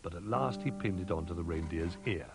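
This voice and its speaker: A man narrating a children's storybook in an animated, sing-song manner. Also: low voice, brisk, creaky. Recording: music under narration.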